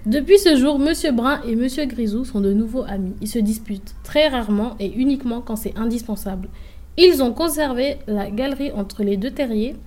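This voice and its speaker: A woman narrating a children's story in an expressive, lively way. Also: on the high side, moderate pace, a little hiss or hum. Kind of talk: scripted narration.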